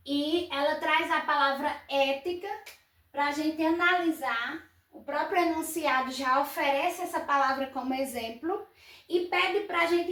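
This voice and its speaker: A woman's voice: high-pitched, a bit bright, distant mic. A woman teacher working through grammar exercises, patiently asking and answering her own questions. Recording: echoey room, voice set back from the mic.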